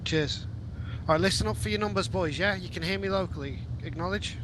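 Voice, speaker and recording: A man's voice: sits high, a little fast. A man briefing and making military radio calls in a matey, instructive gamer style. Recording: very loud vehicle noise throughout.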